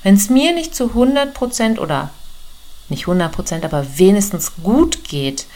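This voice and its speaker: A woman's voice: medium pitch, very animated, normal speed, a little mellow. A woman giving a personal, direct self-help talk that speaks to the listener as a friend. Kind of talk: casual coaching monologue. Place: room indoors with a door.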